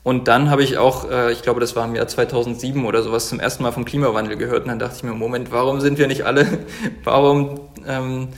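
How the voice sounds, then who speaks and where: A man in his thirties from Germany, a company founder talking earnestly as an interview guest, with many fillers and restarts. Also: mid-range voice. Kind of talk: casual interview talk.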